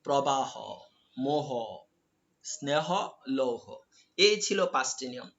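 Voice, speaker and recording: A man lecturing on correct pronunciation, saying each word several times over slowly so students can repeat after him. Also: sits high, bright, forceful tone, highs cut off. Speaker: Bengali lecturer. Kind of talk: classroom lecture.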